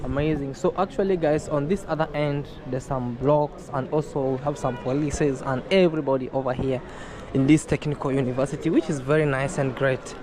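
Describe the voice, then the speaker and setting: A man's voice: medium pitch, steady tone, fairly quick, hardly any pauses, over music. A man with a Kenyan accent chatting casually for a vlog, exclaiming and easily impressed. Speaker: vlogger visiting a university. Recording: very noisy outdoors, wind and engine.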